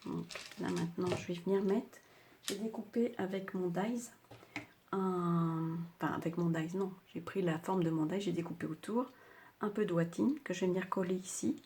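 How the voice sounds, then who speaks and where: An older woman walks viewers through a craft project in a low, soft voice, a little worn by a sore throat. She chats along casually, full of little fillers and restarts. A faint hiss sits behind her. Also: fairly even intonation, moderate pace. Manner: chatty, hesitant, many fillers. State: slightly sore throat, speaking softly. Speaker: craft tutorial host.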